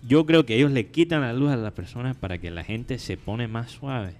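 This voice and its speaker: A man's voice: mid-range voice, moderate pace, darkish tone, soft background music. A man who is a native English speaker hosts a casual discussion in Spanish, searching for words and repeating phrases as he argues. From United States. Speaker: show host.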